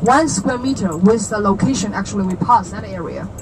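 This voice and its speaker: A Chinese woman in her thirties with a Chinese accent leads a walking tour on a city street, speaking quickly and expressively in a mid-range voice. Chatty and explanatory, she asks her visitors questions and cracks jokes, with street traffic audible in the background.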